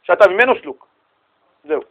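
A rabbi with a fairly high voice gives a Torah class, telling everyday anecdotes in a lively, animated way and briefly acting out little dialogues between the people in them. The recording is muffled and sounds like a radio broadcast.

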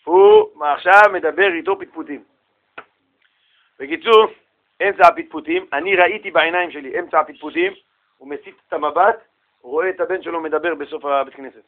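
A man teaching a religious lesson with animated storytelling, asking rhetorical questions and acting out the people in his stories. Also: fairly high pitch, phone-quality sound. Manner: animated storytelling, acts out quoted voices. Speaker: Torah teacher.

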